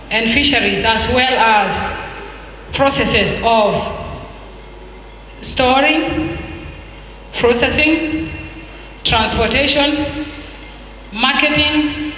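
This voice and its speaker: Man, South Sudanese English accent, formal podium speech, emphatic, very slow, echoey hall, faint background noise. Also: very high voice, sharp tone. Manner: deliberate, emphatic, rhetorical questions and repetition. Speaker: speaker at an expo launch. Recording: echoey hall with long reverb.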